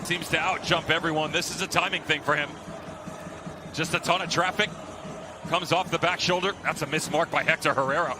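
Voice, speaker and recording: A man's voice: on the high side, fairly even intonation, a little fast, noisy background. A man giving live soccer analysis as color commentator, explaining plays emphatically.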